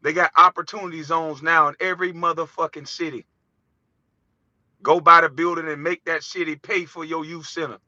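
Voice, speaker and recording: A man's voice: on the high side, level tone, moderate pace, sharp tone, dry recording. A man from the United States delivering an impassioned, profane vlog monologue, heated and preachy. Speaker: vlogger. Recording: dull, dry lo-fi recording.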